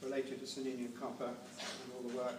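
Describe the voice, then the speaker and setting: Speaking at a memorial gathering, this older relative wanders through a halting, off-the-cuff speech full of digressions, his medium-pitched voice completely flat. The large room is heavily reverberant and the distant pickup catches clear background noise.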